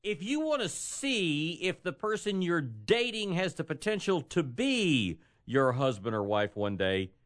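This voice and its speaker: Animated high-pitched male radio host. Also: a little slow, hardly any pauses, no room sound, studio quality. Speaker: morning radio show host. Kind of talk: casual radio chat and storytelling.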